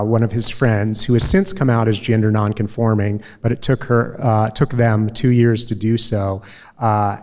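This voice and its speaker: A middle-aged man from Des Moines moderating a library talk, speaking slowly and gently with many "uh" pauses. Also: fairly low pitch. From Des Moines, Iowa. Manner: slow, measured, many uh fillers, soft and emotional. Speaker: event moderator. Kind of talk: public talk to an audience. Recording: reverberant hall.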